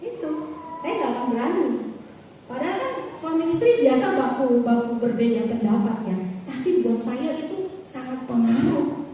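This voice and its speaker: A high-voiced woman pastor preaches in a relaxed, storytelling manner with a warm, mellow tone. Her voice comes from far off the mic and rings through a big echoing church hall with a long reverb tail. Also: normal speed, a little hiss or hum. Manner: conversational storytelling, frequent "ya" tags. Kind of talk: sermon.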